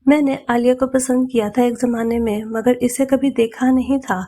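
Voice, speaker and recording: A woman's voice: fairly high pitch, flat delivery, mellow, natural voice. A woman voicing a regretful young man in a storybook reading, speaking in a subdued, wistful way.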